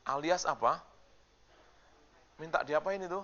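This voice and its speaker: A man preaching a sermon in a bright, ringing voice pitched a little high. He swings from loud, fervent passages to quiet, chatty storytelling and keeps asking the congregation questions. The recording is dull and lo-fi. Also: unhurried. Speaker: pastor.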